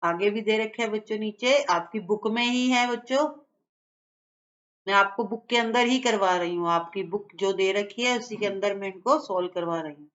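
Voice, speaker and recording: A woman's voice: mid-range voice, normal speed, a bit bright, highs cut off. A woman teaching a children's lesson, patiently explaining each step.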